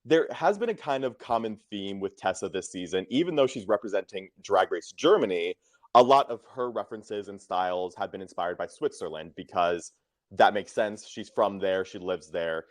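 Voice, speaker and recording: A man's voice: on the low side, moderate pace, no echo. A man co-hosting a casual podcast recap, steering the talk and asking the guest questions. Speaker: podcast co-host.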